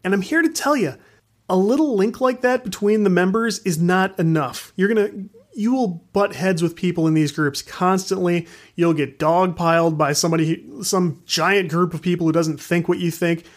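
A fairly high-voiced man rants through a casual podcast monologue. He is frank and animated, laughs as he goes, and swears without a second thought. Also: normal speed. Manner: ranting, frank, swears freely; animated, laughs while talking. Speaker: podcast host.

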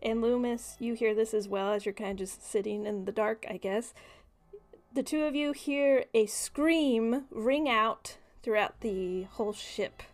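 A woman's voice: a little high, unhurried. A woman narrating as game master in a casual, hesitant way.

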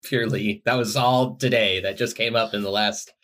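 A man co-hosting a podcast, chatting casually and teasing his friend with playful, deadpan jokes. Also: lowish voice, normal speed. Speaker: podcast co-host. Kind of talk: casual chat.

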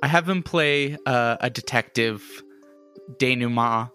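Guy improvising in a tabletop rpg, thinking out loud, bright voice, music in the back. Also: mid-range voice. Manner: halting, thinking aloud. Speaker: player in a tabletop role-playing game. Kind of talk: improvised casual game play. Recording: background music.

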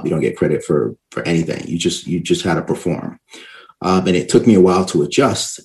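Here a man with a low, somewhat mellow voice is being interviewed as an expert in education and economics. Hailing from Barbados and New York City, he explains forcefully and checks in often by adding "right?" to his points.

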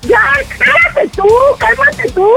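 Flustered pleading young wife, acted by a woman, high, music behind. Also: animated, takes it slowly, vocal fry, full character voice, low-quality recording. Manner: pleading, scolding, talking over others.

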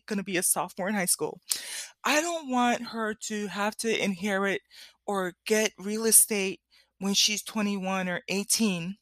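A woman's voice: mid-range voice, a bit bright, dry recording. A woman content creator speaking directly to her followers in impassioned commentary, emphatic, repeating key phrases and checking in as she goes. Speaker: content creator, host of a solo show.

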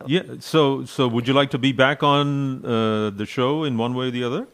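A man's voice: medium pitch, fairly even intonation, normal speed, clear, resonant tone. Hesitant man hosting a radio call-in. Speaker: radio talk show host. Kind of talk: casual live radio call-in chat.

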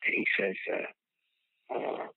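A man's voice: slow, no echo. Chicago guy on a podcast rambling through a story, swears a lot, dry muffled lo-fi sound. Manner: rambling, animated, swears casually, laughs at own stories. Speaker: podcast guest, former child actor. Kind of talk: casual storytelling chat.

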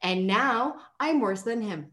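Lively New woman podcast guest. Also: on the high side, slow pace. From New York. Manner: animated, self-mocking, laughs often. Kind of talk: casual chat.

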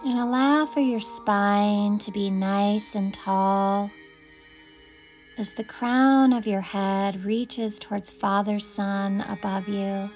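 A woman leading a guided meditation, speaking in soft, soothing invitations. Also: mid-range voice, fairly even intonation, takes it slowly, faint music behind.

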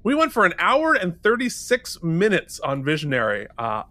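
A man's voice: high voice, huge pitch swings, moderate pace, bright, forceful tone, no echo. A man in his forties co-hosting a podcast, chatting casually, playful and joking as he reads out listener ratings. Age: 40s. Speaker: podcast co-host.

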